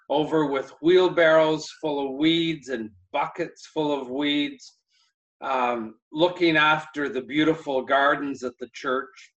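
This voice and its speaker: A middle-aged man speaking as a pastor in a casual church message, gentle and chatty with many fillers and pauses. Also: fairly high pitch.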